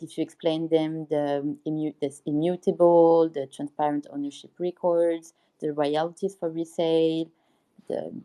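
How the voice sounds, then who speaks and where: A woman's voice: sits low, warm tone. A woman speaking as a guest in a casual live audio chat, upbeat and enthusiastic. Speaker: guest, art curator.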